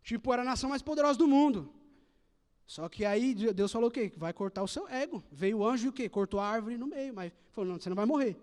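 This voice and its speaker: A man's voice: very high-pitched, expressive, quick pace, a little mellow, in a large hall. A young man preaching a casual youth sermon, slangy and acting out little dialogues with God.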